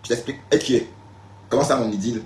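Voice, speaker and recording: A man's voice: mid-range voice, fairly even intonation, fast, darkish tone, slight background noise. A man from Cameroon blogging on a live stream, talking casually and emphatically to viewers and repeating his points. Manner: emphatic, repetitive, addresses viewers directly. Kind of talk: casual live-stream talk replying to comments. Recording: echoey room, faint background ambience.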